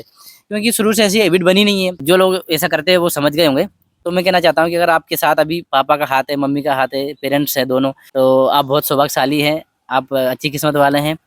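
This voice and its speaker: A man talking softly and from the heart in a personal vlog, telling a story at an unhurried pace. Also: fairly high pitch, no echo, clean studio sound. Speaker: vlogger. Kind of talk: personal reflective talk.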